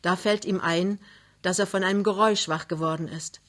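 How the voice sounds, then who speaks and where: A woman reading a novel aloud in a calm, measured narration. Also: on the low side. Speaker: reader. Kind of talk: literary reading.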